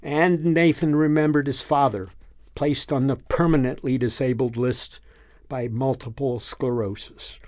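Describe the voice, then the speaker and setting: A man reading a story aloud in an even, unhurried narration. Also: mid-range voice, dry recording, clean studio sound.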